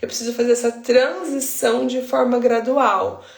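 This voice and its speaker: A woman's voice: on the high side, fairly even intonation, moderate pace, vocal fry, roomy sound. A Brazilian woman, a baby sleep consultant, explaining routines in a chatty way, often checking in with the listener. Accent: Brazilian Portuguese. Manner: chatty, explains with homely examples and frequent tag questions. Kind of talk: informal teaching monologue.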